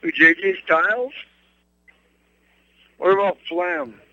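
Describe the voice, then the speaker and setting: A man's voice: high voice, takes it slowly, a little hiss or hum. A man calling in by cell phone from a bus, his voice coming through a tinny phone line that keeps breaking up. He chats loosely and calls people dude. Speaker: caller phoning in to a live show. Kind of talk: casual phone chat. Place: on a moving bus.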